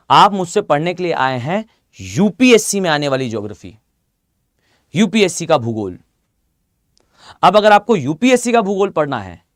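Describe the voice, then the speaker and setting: A man's voice: on the high side, no room sound, studio quality. A male geography teacher giving a live exam-prep lecture in a conversational, repetitive way with many fillers. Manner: conversational, repeats himself, lots of fillers.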